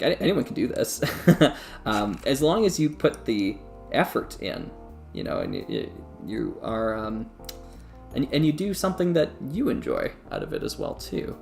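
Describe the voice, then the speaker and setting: A man's voice: medium pitch, gravelly, darkish tone. A man casually chatting on a live stream as a YouTube creator, rambling, restarting sentences and laughing as he reads the chat.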